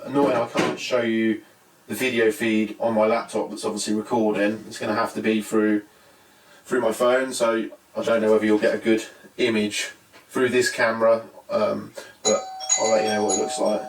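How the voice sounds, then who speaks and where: A British man presents a casual, unscripted tech product review, thinking aloud in short, hesitant fragments. His fairly low voice moves little in pitch at a normal speed, captured on a distant mic with roomy echo and faint music.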